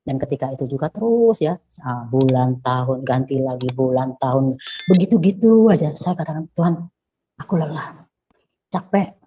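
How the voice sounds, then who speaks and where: A low, husky woman tells her personal testimony in a halting, earnest way. She often repeats her phrases as she pleads. The recording sounds muffled and lo-fi. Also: animated. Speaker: convert giving a personal testimony.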